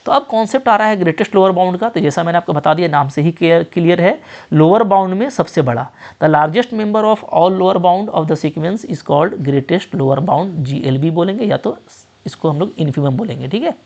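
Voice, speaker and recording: A man teaching an exam-prep math lecture with an Indian English accent, often repeating short check phrases and slowing sharply when he reads out definitions. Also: high voice, lively intonation, darkish tone, highs cut off.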